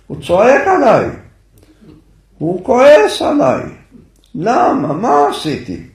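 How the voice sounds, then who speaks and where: A man's voice: high voice, huge pitch swings, pitched above the performer's own voice, exaggerated voice. A man voicing a tearful wife who cannot read and pleads for help with her letter. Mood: pleading. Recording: echoey room, far from the mic.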